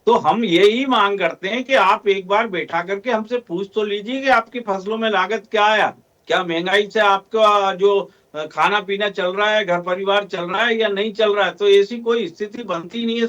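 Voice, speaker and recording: A man with a fairly high voice makes an earnest case on a panel discussion, pausing often with small hesitations as he argues for farmers. The sound is dull and lo-fi, like a remote feed. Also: a bit bright. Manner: earnest, argumentative, many hesitations. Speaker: farmer representative guest.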